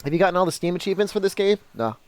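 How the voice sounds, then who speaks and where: Rapid-fire and animated, this man's high voice carries no echo. A game streamer from Mexico or with Mexican roots, he keeps things informal and relaxed while answering questions from his chat.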